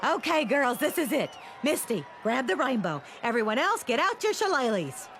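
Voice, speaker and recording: A middle-aged cartoon mom who is sure she knows best. Her voice sits a touch high and swoops with lively pitch. She talks with bossy self-importance. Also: moderate pace, slight background noise, heavily acted. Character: proud, self-assured Texan mom and cheer coach, middle-aged woman.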